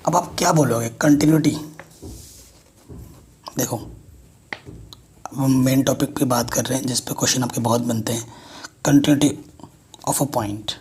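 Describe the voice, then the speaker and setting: Husky-voiced man teaching math. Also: mid-range voice, a little slow, pauses often, a little mellow. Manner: explains step by step, keeps checking in with students. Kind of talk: whiteboard math lesson.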